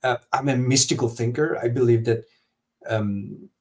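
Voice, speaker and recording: Man, interview guest, halting delivery full of fillers, video-call mic. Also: medium pitch, darkish tone. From Honduras. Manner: halting, many fillers and restarts. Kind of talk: live stream interview over video call.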